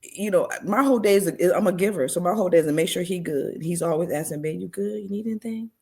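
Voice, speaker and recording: A middle-aged woman, a podcast guest, telling her testimony in an animated way and acting out the dialogue. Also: on the low side, fast, vocal fry, breathy edge. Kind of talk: storytelling testimony.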